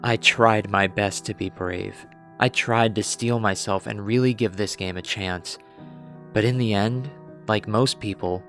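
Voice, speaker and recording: A man delivering scripted video essay narration as a game reviewer, deadpan and mock-grave with dramatic overstatement. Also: on the low side, gravelly. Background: music.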